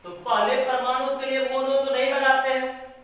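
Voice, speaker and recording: A man's voice: very high-pitched, little pitch movement, normal speed, a bit bright. A man teaching a chemistry class. He asks his students questions and answers them himself. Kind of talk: classroom lecture. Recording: echoey room, voice far from mic.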